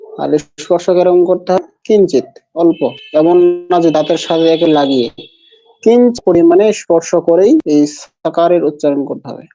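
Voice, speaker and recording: A man's voice: fairly high pitch, moderate pace, dark tone. A man teaching the pronunciation of a sacred text. He repeats the syllables patiently for the learner to copy. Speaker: Vedic mantra pronunciation teacher. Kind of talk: pronunciation lesson. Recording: dull lo-fi recording.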